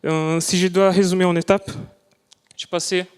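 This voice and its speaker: A man's voice: sits high, level tone, normal speed, smooth. A young man whose first language is not French, presenting his student project live in a lecture hall, speaking carefully and often restarting as he searches for words. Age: young adult. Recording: long hall reverb.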